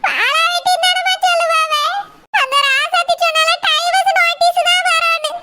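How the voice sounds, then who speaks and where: A tearful old cartoon grandmother, who laments and pleads over and over. Her voice sits at a piercing, squeaky height and rings bright and sharp. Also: fairly even intonation, normal speed, heavily acted. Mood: grieving. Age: older. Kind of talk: cartoon voice acting.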